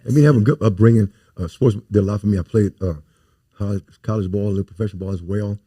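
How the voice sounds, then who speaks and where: Man, youth coach, earnest, repeats himself, low-pitched, dark, dry studio sound. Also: fast talker, breathy edge, no echo. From Louisiana, USA. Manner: earnest, repeats words, rhyming sayings. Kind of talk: casual talk show conversation.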